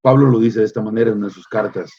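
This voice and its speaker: A man's voice: fairly low pitch, steady tone, racing, dark tone, a little hiss or hum. Man, pastor, sermon, emphatic repeated phrases, hesitant fillers, slightly muffled recording.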